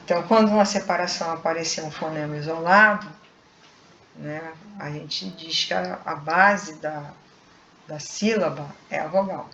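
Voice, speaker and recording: A woman's voice: low voice, a little slow, a bit bright, slight background noise. A woman teacher giving a recorded online grammar lesson, explaining patiently and checking in with frequent tag questions. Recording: echoey room, dull lo-fi sound.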